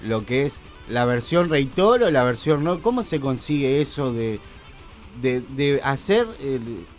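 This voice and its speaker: A man co-hosting a radio show, asking halting, searching questions. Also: mid-range voice, expressive, soft background music. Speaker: radio co-host. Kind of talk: casual radio interview chat. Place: radio studio.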